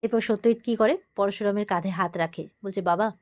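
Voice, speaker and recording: A woman's voice: medium pitch, brisk, darkish tone. A woman with a Bengali accent casually recapping a TV serial episode, now and then acting out the characters' lines. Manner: retells scenes, briefly acting out characters' lines in a livelier voice.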